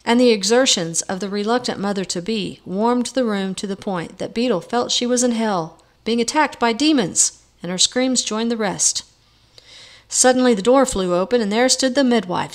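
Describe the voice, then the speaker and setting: A woman narrating a storybook novel aloud in a measured, even way. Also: fairly high pitch. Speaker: audiobook reader.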